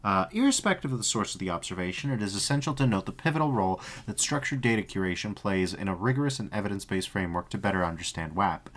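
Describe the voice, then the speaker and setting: A man's voice: on the low side, animated, fast talker, hardly any pauses, a bit bright. A man streaming, reading a dry report aloud and breaking off for profane, jokey asides.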